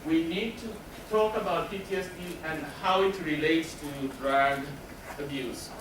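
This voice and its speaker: An unhurried man with a slightly high voice presents to a live audience as a counselor. Short, emphatic explanations alternate with questions he answers himself. The distant mic captures a roomy space and noticeable background noise.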